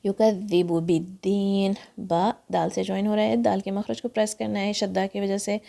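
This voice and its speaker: Pakistani lady teacher going slow over recitation rules, gravelly low-key voice, mellow tone. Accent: Pakistani Urdu. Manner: patient, explains each letter step by step. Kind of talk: tajweed lesson, slow demonstrations.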